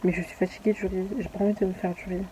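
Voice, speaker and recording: Young woman, casual vlog chat, rambling and restarting, low mellow voice, faint room noise. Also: flat delivery, rapid-fire, poor audio. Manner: rambling, lots of fillers and restarts. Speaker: vlogger.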